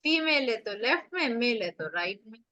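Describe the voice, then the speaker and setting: A woman's voice: fairly high pitch, very animated, moderate pace, sharp tone, no room sound, lo-fi sound. A woman acupressure teacher giving an online revision lecture over a video call, explaining step by step with rhetorical questions and staying firm with her students.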